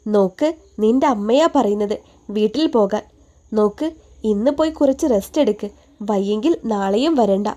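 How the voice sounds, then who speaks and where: A woman's voice: medium pitch, normal speed, pauses often, dark tone, natural voice. A woman voicing a caring older woman doctor who fusses over a younger woman like a mother, in an affectionate, coaxing way. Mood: fond, coaxing.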